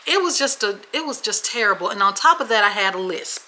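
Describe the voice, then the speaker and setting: A woman's voice: mid-range voice, animated, brisk, pushed and bright, low-quality recording. A woman from Washington State co-hosting a casual chat, telling a personal story and checking in with her listeners as she goes. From Washington State, USA. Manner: chatty storyteller, often checks in with "okay?" and "y'all". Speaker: podcast co-host.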